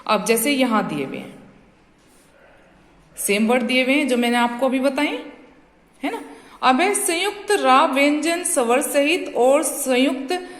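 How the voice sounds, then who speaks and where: A woman's voice: high voice, lively intonation, unhurried, pauses often. A woman teaching a school grammar lesson, explaining patiently, stretching out example sounds and checking that students follow. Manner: addresses students as "beta". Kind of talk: classroom-style grammar lesson. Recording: echoey room with long reverb.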